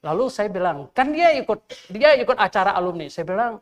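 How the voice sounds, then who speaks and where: An older male pastor delivering a Sunday sermon in church, chatting with the congregation more than lecturing. His pitch swings widely and expressively, and he keeps tossing out rhetorical questions as he tells his stories. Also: a little fast. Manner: conversational, animated storytelling with rhetorical questions. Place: church during a Sunday service.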